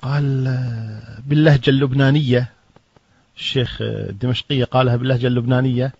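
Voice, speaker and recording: A man's voice: mid-range voice, fairly even intonation, quick pace, creaky, a little mellow, slightly rough, no echo. A man, an Islamic preacher from Kuwait, recounting an anecdote and acting out the dialogue with rising emphasis. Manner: recounts events plainly, acts out quoted dialogue with rising emphasis. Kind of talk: storytelling anecdote in a talk. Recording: dull lo-fi recording.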